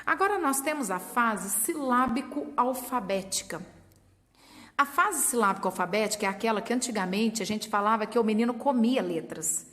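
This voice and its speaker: A woman's voice: a little high, lively intonation, normal speed, a bit bright. A woman with a Brazilian Portuguese accent explaining literacy stages to teachers, patiently sounding out words syllable by syllable. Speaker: teacher trainer. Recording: long reverb.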